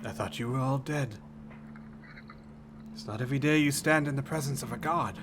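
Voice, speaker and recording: A man putting on a breathy, very old man. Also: mid-range voice, moderate pace, background noise, natural voice. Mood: awed. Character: frail, awestruck old man.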